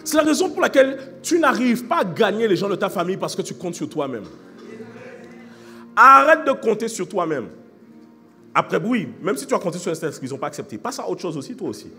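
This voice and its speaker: A man preaching a sermon as pastor, fervent, shifting from shouted calls to fast, quiet explaining. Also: sits high, very animated, big-room sound, faint music behind. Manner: fervent preaching, swings between shouting and rapid quiet talk.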